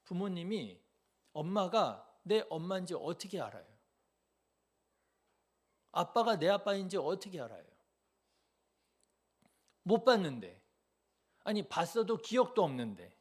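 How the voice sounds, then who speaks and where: A male pastor delivers a Sunday sermon in a church in a noticeably high voice. He talks earnestly and keeps asking the congregation rhetorical questions. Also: sing-song, unhurried, pauses often, a little mellow, husky. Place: church sanctuary.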